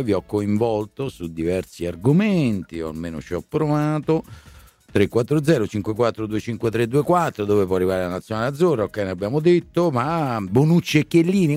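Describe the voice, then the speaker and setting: A man with a deep voice hosts a live sports talk show. His intonation swings widely, and he theatrically repeats phrases for emphasis over faint music. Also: darkish tone. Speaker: radio host.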